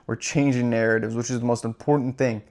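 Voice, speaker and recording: A man's voice: mid-range voice, fairly even intonation, quick pace, a little mellow. A man hosting his own channel, delivering an impassioned, profane and repetitive rant. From United States. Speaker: crypto channel host. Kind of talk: impassioned monologue.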